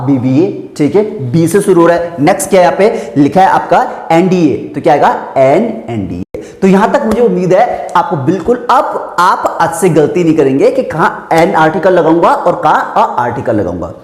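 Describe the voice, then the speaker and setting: A man's voice: a little high, sing-song, moderate pace, hardly any pauses. A man teaching English grammar in a classroom-style lesson, explaining step by step and asking and answering his own questions. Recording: echoey room with long reverb.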